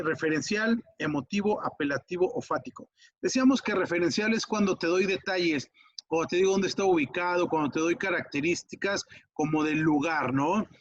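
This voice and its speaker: A Mexican-accented man teaches an exam-prep lesson in a relaxed, conversational tone, with a fairly high, husky voice. The recording is dry and a little dull, like a home setup. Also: dry recording. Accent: Mexican Spanish. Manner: casual, chatty, asks quick checks like ok and va.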